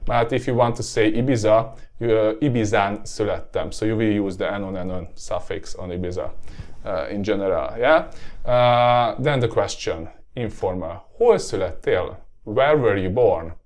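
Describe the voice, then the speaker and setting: Male teacher, lowish voice, relaxed lesson pace, filler-heavy. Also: moderate pace. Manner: relaxed, lots of fillers and tag "yeah?". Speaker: Hungarian language teacher. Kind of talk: language lesson.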